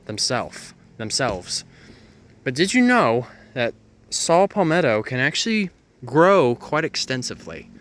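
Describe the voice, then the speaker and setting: Strolling through a Florida hammock woodland, a chatty nature guide explains plants on an outdoor educational walk, amusing himself with puns and asides at his own expense. His voice is mid-range and fairly bright, with slight background noise in the recording.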